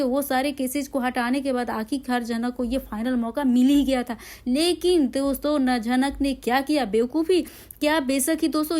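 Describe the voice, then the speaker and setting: High-pitched woman chatting about serial updates, calls viewers friends, stumbles and restarts a lot. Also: a little mellow. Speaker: TV serial gossip presenter.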